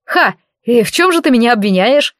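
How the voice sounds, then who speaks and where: A woman's voice: fairly high pitch, lively intonation, a little fast, dry recording, studio quality, close to an everyday voice. A woman voicing a haughty, sarcastic male elf in armor in an audiobook. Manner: sarcastic, eye-rolling.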